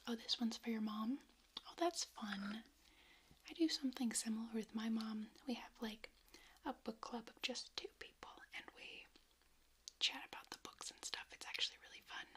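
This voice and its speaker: A woman speaking in a hushed library whisper, doing a whispered role-play as a friendly, chatty librarian. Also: on the high side, moderate pace. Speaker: ASMR performer playing a librarian. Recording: clear background noise, handling clicks.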